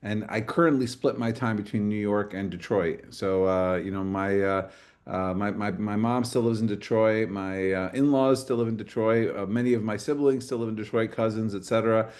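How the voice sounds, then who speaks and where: Low-voiced man with many fillers. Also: steady tone, moderate pace, darkish tone. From Michigan, USA. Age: middle-aged. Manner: hesitant, many fillers and restarts. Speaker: guest speaker, engineering director. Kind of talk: fireside chat talk. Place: college classroom.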